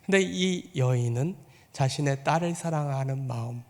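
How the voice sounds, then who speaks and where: A man's voice: normal speed, a little mellow, big-room sound. A man preaching a sermon as pastor, putting on the voices of the people in the story and asking his congregation questions. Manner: acts out quoted voices with rising pitch and volume.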